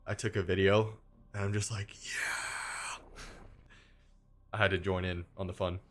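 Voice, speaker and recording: A man's voice: deep voice, flat delivery, fast talker. A young man hosting a gaming stream, telling rambling stories in casual chat and acting out the voices of the people he quotes. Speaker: streamer host.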